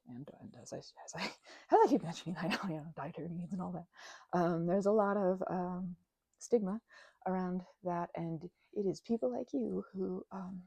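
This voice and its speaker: Recorded dry, this audio roleplay features a woman on the low side voicing a shy, friendly, grateful vampire who is timid and gentle. She speaks softly and breathily, at times dropping to a whisper, stammering nervously, hesitating, apologizing, and giggling anxiously in an intimate one-sided conversation.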